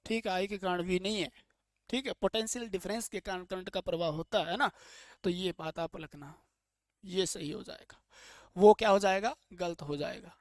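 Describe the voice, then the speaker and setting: A man's voice: sits high, moderate pace, no room sound, studio quality. A male teacher giving a classroom lecture, chatty and plain, who keeps asking questions and answering them himself to drill the key points. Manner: plain, chatty and jokey explaining.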